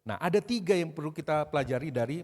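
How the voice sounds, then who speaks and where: A male pastor, preaching a sermon in a conversational, animated way that builds into emphatic outbursts. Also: on the high side, fast. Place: church service. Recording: long reverb of a church hall.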